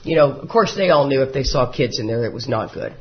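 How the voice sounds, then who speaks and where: A man's voice: medium pitch, lively intonation, fast talker. A man, telling his life story to a recovery group in a folksy, joking way. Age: 50s. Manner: folksy, joking storyteller who often laughs. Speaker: recovery meeting speaker. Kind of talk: personal recovery talk to a live group. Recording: dull lo-fi meeting recording.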